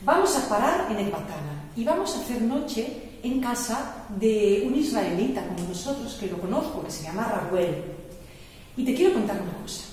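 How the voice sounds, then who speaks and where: Patient young travel guide, put on by a woman teacher: calm, explanatory, distant and roomy. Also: fairly high pitch, normal speed, slight background noise. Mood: explaining. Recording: echoey church hall, mic far off.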